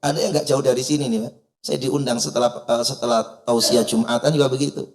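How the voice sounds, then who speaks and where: A man preaching a sermon in a mosque, lively and joking, acting out little household exchanges as he teaches. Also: medium pitch, a little fast, echoey room.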